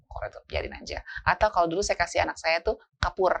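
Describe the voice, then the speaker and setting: A middle-aged woman speaking as a child psychologist guest, giving animated parenting advice and acting out little scenes between parents and children. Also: fairly low pitch, fast, vocal fry. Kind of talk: casual talk show advice.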